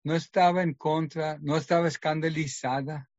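A man's voice: on the high side, fairly even intonation, moderate pace, darkish tone, dry recording, dull audio. A middle-aged man giving an earnest personal testimony, acting out the lines of the people in his story. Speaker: testimony speaker.

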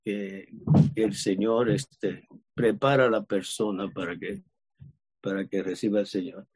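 A man's voice: lowish voice, a little slow, breathy edge. A man from Cuba, casually sharing a testimony with a church group and acting out the dialogue as he retells it. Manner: lively retelling, acts out quoted dialogue.

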